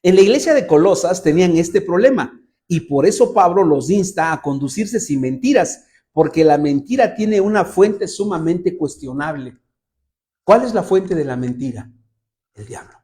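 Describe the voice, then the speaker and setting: A man's voice: high-pitched, moderate pace, a little hiss or hum. A man with a Mexican Spanish accent preaching a sermon as pastor, telling stories and acting out the people he quotes. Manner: lively storytelling, voices quoted characters.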